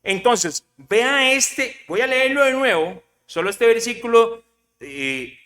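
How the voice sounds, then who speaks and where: Pastor, male, high bright voice, lively questioning sermon delivery, long hall reverb. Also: takes it slowly. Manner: lively preaching, rhetorical questions to the congregation, mixes in English words.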